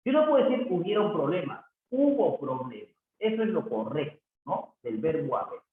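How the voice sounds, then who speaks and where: Brief: male teacher, animated higher voice, lesson recorded in a very echoey room. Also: normal speed. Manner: explains with examples, frequent checking questions. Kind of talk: grammar lesson. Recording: tinny phone-like audio, very echoey room.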